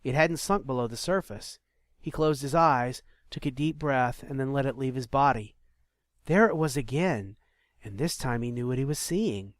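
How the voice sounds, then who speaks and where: A man reading an audiobook chapter in a steady, measured storytelling manner. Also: medium pitch, dry recording. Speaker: narrator. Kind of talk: scripted audiobook narration.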